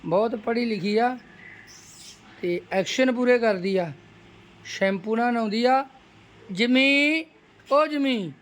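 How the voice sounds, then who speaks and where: A man's voice: extremely high pitch, takes it slowly, long pauses, a bit bright, a little hiss or hum. A man, casually coaxing his dog with short repeated commands in a home video. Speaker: dog owner showing his pet.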